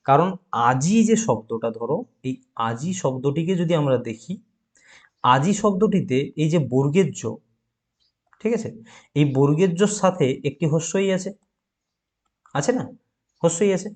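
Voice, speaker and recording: A male teacher running an exam-prep grammar lesson. He keeps asking questions and answering them himself, and he repeats key words, dragging them out slowly. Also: fairly high pitch, lively intonation, darkish tone. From West Bengal.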